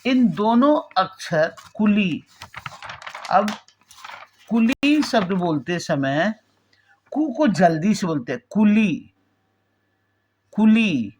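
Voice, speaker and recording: A woman's voice: medium pitch, sing-song, takes it slowly, pauses often, darkish tone, slightly rough. A woman teaching a language lesson, patiently explaining spelling and repeating words aloud to demonstrate how they sound. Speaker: Hindi teacher.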